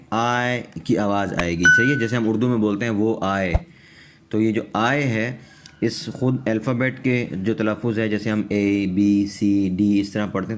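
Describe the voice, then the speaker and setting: A man with a Pakistani accent teaching English pronunciation in Urdu, patiently repeating each word and checking in with his students. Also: lowish voice.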